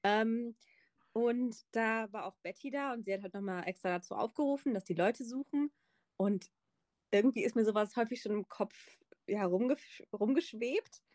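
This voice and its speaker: A woman pastry chef appears as a guest on a podcast, chatting casually and relaxedly with lots of filler words and the occasional laugh. Her voice is fairly high and moves at a normal speed, recorded in studio quality without room sound.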